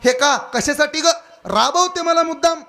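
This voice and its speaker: A man's voice: extremely high pitch, normal speed, gravelly, bright, forceful tone, pitched above the performer's own voice, heavily acted. A man in a kirtan sermon voicing a grown son who pleads and complains after being woken again and again. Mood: exasperated. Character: exasperated grown son, worn out from no sleep. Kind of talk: kirtan storytelling.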